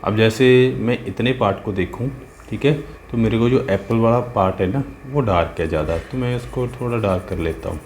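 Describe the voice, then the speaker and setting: Art teacher, male, low voice, patient casual tutorial tone, echoey room. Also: moderate pace, a little mellow, slight background noise. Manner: patient, talks while working, asks "है ना?" and "ठीक है?" often. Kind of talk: casual step-by-step drawing tutorial. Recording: roomy with faint ambience.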